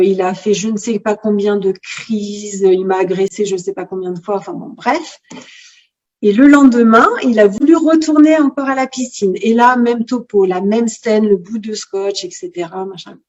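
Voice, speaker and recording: A woman in her forties tells a story in an interview, bringing its dialogue to life with animated delivery. Her voice sits somewhat high. The sound is a little dull, like a streamed recording. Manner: animated storytelling, acting out dialogue, laughing at moments. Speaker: author guest. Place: bookshop. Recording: lo-fi livestream audio.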